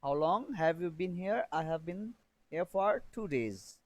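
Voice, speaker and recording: A man teaching a beginner English lesson, reading drill sentences slowly and repeating phrases for learners to copy. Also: a little high, lively intonation, poor audio.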